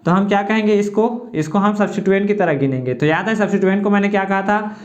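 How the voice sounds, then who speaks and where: High-voiced guy teaching chem, keeps asking then answering himself, drags words out, kinda muffled. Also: fast talker. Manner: asks questions and answers them himself, drawing out key words. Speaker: chemistry teacher. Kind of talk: classroom lecture with call-and-response. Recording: roomy, muffled lo-fi sound.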